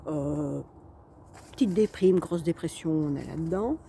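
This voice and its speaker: A woman's voice: low-pitched, a little slow, gravelly, mellow, a little hiss or hum. A woman coach talking casually to her viewers, chatty and hesitant, with frequent fillers and restarts. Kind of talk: casual talking-head vlog.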